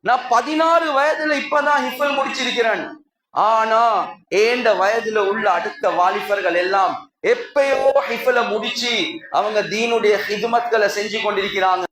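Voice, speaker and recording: A man's voice: sits high, normal speed, close to an everyday voice. A man with a Sri Lankan Tamil accent voicing a sixteen-year-old boy who pleads sorrowfully in a told story. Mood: ashamed. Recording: echoey hall with crowd.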